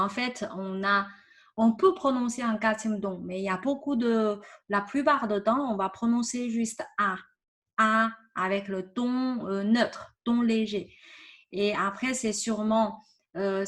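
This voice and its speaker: A woman's voice: medium pitch, a bit bright. A woman teaching a vocabulary lesson over a shared screen, patiently repeating words and often checking with "ok?". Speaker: Chinese teacher.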